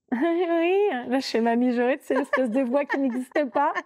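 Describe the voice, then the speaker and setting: A woman's voice: high-pitched, normal speed. Chatty woman telling a dating story. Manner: lively, chatty, many fillers and quoted inner thoughts. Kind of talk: casual podcast storytelling.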